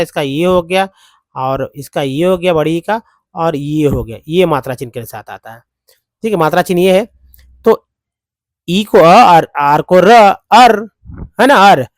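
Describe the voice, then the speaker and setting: A male teacher walks through English words at an unhurried, deliberate pace, sounding out each letter and repeating the result. His voice is close and dry, with no room sound around it. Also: fairly high pitch, no room sound. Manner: slow, repetitive, spells words out letter by letter. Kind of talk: blackboard-style spoken lesson.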